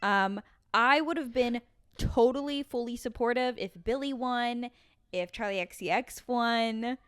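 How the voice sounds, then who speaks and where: A woman's voice: on the high side, a little slow, a bit bright, smooth, dry recording. A young woman co-hosting a podcast, chatting casually in a playful, teasing, emphatic way. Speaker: podcast co-host. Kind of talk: casual chat.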